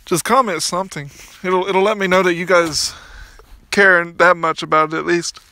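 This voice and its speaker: Young man, high-pitched, rambling casual gaming talk, recorded on a phone outdoors. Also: fairly even intonation, moderate pace, bright, forceful tone, no room sound. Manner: rambling, restarts often, mildly crude. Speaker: gaming YouTuber. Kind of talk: casual gameplay commentary. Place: outdoors by a backyard pool.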